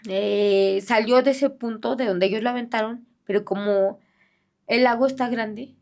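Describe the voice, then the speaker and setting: A middle-aged woman speaks softly and haltingly, stopping for fillers and starting over. Her voice sits a little high and has a gravelly, creaky edge. She gives a personal testimony as a bereaved mother in an interview. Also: fairly even intonation. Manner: halting, soft-spoken, many fillers and restarts.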